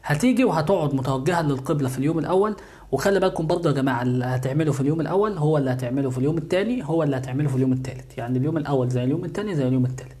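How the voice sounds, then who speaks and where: A man's voice: fairly high pitch, rapid-fire, mellow. A man with an Egyptian accent hosts his channel, giving casual spiritual how-to instructions, often calling out to viewers and answering his own questions. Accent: Egyptian Arabic. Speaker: YouTube channel host.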